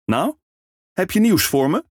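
A man reading a storybook, voicing a hearty, boisterous male ferryman in a raised, loud voice. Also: high-pitched, sing-song, a little slow, no room sound, studio quality, pitched above the performer's own voice, full character voice. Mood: calling out.

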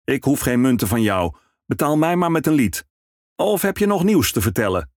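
A man reading a storybook, voicing a hearty, boisterous male ferryman in a raised, loud voice. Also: mid-range voice, very animated, normal speed, no room sound, studio quality, pitched above the performer's own voice. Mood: calling out.

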